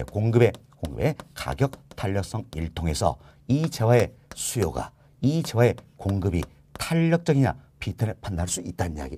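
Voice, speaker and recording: A man's voice: on the low side, warm tone, a little hiss or hum. A man teaching an exam-prep lecture. He keeps asking his students rhetorical questions, repeats key terms, and stretches out the words he wants to stress. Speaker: real estate exam instructor. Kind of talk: recorded online lecture.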